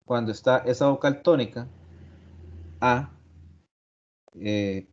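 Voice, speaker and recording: A man's voice: medium pitch, slow pace. A male teacher giving an online class lecture, explaining step by step, repeating key words and asking rhetorical questions. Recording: dull lo-fi audio.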